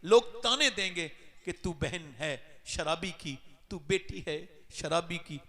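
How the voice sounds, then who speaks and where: A man preaching an emotional sermon, his voice swinging sharply from loud cries to low, hushed passages. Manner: impassioned, sweeping swings in pitch and loudness. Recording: long reverb of a large hall.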